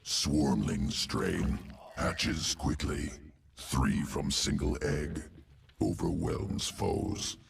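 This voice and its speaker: Rumbling low with big pitch swings and creak, this heavily acted voice belongs to a man playing a cold, clinical alien insectoid geneticist in a video game. He growls gutturally in deliberate, clipped, telegraphic phrases that drop articles, heard through a distant mic.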